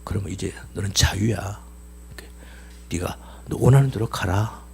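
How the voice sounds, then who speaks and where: A man voicing a calm, kind wealthy man who speaks quietly and gently, within a sermon story. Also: medium pitch, measured pace, creaky, slight background noise, pitched below the performer's own voice. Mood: gentle.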